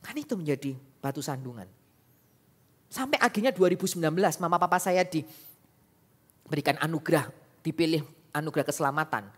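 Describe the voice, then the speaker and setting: A man preaching a conversational sermon at a church service, lively, with sharp rises for emphasis and frequent rhetorical questions to the congregation. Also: fairly high pitch, fairly quick, pauses often, breathy edge. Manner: keeps asking the congregation "right or not?". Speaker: evangelist preacher.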